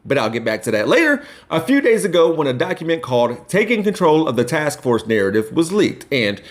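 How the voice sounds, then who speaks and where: A man's voice: on the high side, very animated, brisk. A man from Ohio hosting scripted commentary, wry and sarcastic in delivery. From Columbus, Ohio. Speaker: commentary host.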